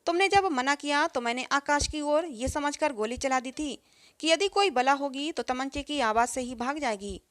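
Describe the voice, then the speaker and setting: A woman's voice: high-pitched, moderate pace, a bit bright, no echo, studio quality. A woman reading the lines of a stern village landlord father, in her own voice with firm, plain speech.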